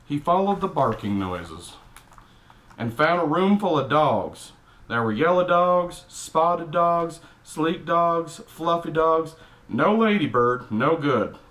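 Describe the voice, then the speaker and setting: Hank Hill, grumpy Texan dad. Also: male voice, a little high, big pitch swings, takes it slowly, a bit bright, full character voice. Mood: exasperated storytelling. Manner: grumpy, exasperated, blunt, mildly profane. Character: cranky middle-aged Texan dad reading a picture book. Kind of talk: comic character storybook reading with grumbling asides.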